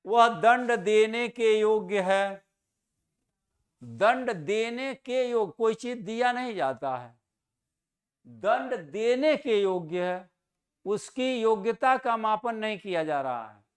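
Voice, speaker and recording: Slow, high-voiced male Hindi tutor. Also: animated. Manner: repeats words slowly and stresses correct pronunciation; asks questions and answers them himself. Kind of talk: teaching a grammar lesson.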